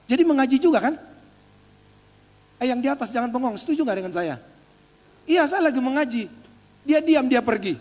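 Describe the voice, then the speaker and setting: A male pastor preaching an animated, exhorting sermon, speaking directly to the congregation in a church. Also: extremely high pitch. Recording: echoey church hall.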